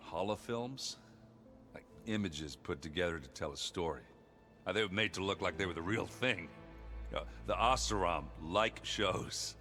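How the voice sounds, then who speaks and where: A male actor with a deep, pushed, bright voice plays a good-natured, ale-loving rogue in a video game. The character is bluff and wry, talking in a hesitant, rambling way.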